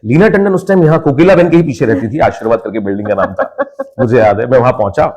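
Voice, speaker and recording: A man's voice: mid-range voice, fast talker. A young Indian man from India, a podcast guest and actor, telling his life story in casual conversation and acting out his family's voices. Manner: lively storyteller who acts out family members' voices.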